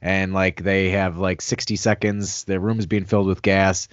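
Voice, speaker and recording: A man co-hosting a casual movie podcast, easygoing and quick to laugh, on a video call. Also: low voice, level tone, dry recording, lo-fi sound. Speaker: podcast co-host. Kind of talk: casual chat.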